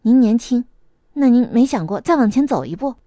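A woman's voice: on the high side, lively intonation, dark tone, dry recording, studio quality. Woman doing an exasperated grown daughter. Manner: quick, exasperated protests.

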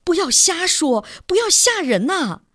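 A woman's voice: very high-pitched, big pitch swings, a little slow, fairly bright tone, no echo, clean studio sound, pitched above the performer's own voice, full character voice. A woman voicing an elderly grandmother who presses urgently with questions. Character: anxious, insistent old grandmother.

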